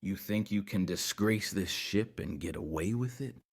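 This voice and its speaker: A man reading the part of a cruel, sneering male sailor who menaces two shipmates, in a low, venomous voice. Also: lively intonation, moderate pace, slightly rough, no room sound, studio quality. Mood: menacing.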